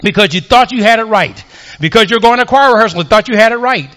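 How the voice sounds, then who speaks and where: A man's voice: sits high, fast talker, sharp tone. A man preaching a sermon with personal testimony, telling his story with fervor that builds in volume. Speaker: pastor.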